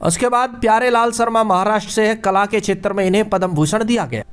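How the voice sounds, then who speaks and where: A man's voice: sits high, fast talker, a bit bright, clear, resonant tone. A man teaching general knowledge for exams in a casual lesson, with playful puns and chatty repetition. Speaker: quiz teacher. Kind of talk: casual exam-prep lesson.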